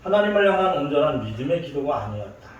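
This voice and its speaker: With a slightly high, sing-song voice, this pastor talks fast, storytelling through his sermon and performing the people's voices. The recording is muffled, with slight background noise, taken from far off in an echoey large church sanctuary.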